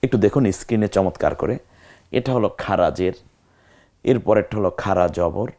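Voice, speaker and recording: A man teaching Arabic letter pronunciation in a lesson, drawing out each sound slowly and repeating it to demonstrate. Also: deep voice, dark tone. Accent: Bangladeshi Bengali. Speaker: Quran recitation teacher. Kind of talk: online tajweed lesson.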